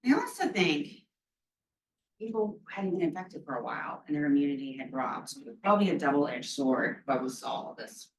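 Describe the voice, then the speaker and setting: Low-pitched and sing-song, a woman delivers a brisk lecture on a virus over slight background noise. As an infectious disease lecturer, she keeps things chatty, with frequent ums and casual digs at herself, and the sound is distant, picked up in a large hall.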